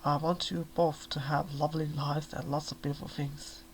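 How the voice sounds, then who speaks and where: A desperate, exhausted young mother, as a male reader puts her on, raw and pleading. The voice has a gravelly edge, with faint noise in the background. It is a soft-spoken ASMR reading. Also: on the high side, flat delivery, moderate pace, close to an everyday voice. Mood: tearful.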